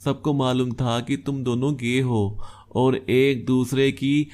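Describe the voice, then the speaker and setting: A man voicing a drunk male college friend who loudly mocks and accuses two old classmates. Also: medium pitch, steady tone, slow, heavy background noise, lightly acted. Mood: heated. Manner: taunting, raised and agitated.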